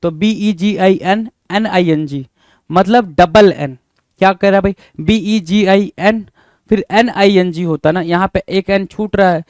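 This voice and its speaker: A man's voice: sits high, measured pace, a little mellow, no room sound. A man with a Hindi accent teaching an English spelling lesson, spelling words out letter by letter and repeating them. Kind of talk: spelling lesson, explaining answers.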